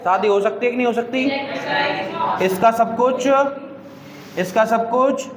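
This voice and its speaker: A man's voice: extremely high pitch, measured pace, a crowd in the background. A male teacher, quizzing students with repeated questions as he explains a chemistry lesson. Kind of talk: classroom teaching in Hindi. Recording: echoey room with long reverb.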